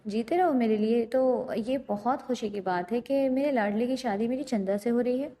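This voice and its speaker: A woman's voice: on the high side, warm tone, natural voice. Woman voicing a tender old grandmother.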